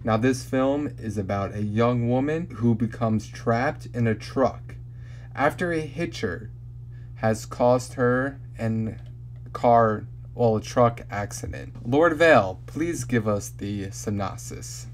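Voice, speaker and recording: A man's voice: mid-range voice, slow pace, slight background noise. A man hosting a casual horror podcast, introducing the films and laughing easily. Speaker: podcast host.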